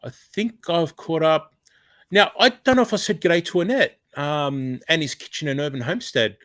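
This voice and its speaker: A man with an Australian accent chats casually during a live stream, reading comments aloud with lots of fillers and restarts, and thanks viewers warmly. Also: a little high, moderate pace, dry recording. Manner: chatty, rambling, with many fillers and restarts; warm thanks to viewers, often exclaiming.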